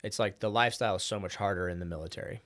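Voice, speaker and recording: Young man, casual podcast talk, animated storyteller, lowish voice, dry close mic. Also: very fast, no echo. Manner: animated storyteller acting out quoted voices, laughs often. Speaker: podcast co-host. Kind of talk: casual conversation.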